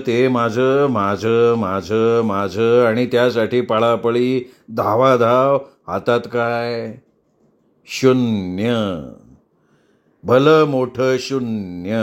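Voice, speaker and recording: A man voicing a weary, drunk middle-aged man who slowly and bitterly philosophizes about fate. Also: medium pitch.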